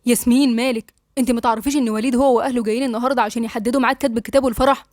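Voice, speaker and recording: An anxious young husband from a storybook who presses with questions, speaking in Egyptian Arabic, as a woman reads him. The voice sits fairly high and races along very fast. It is close and dry, with no room around it. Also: steady tone, darkish tone, no room sound, close to an everyday voice. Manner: insistent questioning.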